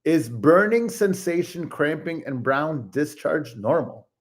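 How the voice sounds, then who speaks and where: A man's voice: a little high, expressive, slow. A man co-hosting a casual live Q&A, reading viewer questions aloud in an easygoing way.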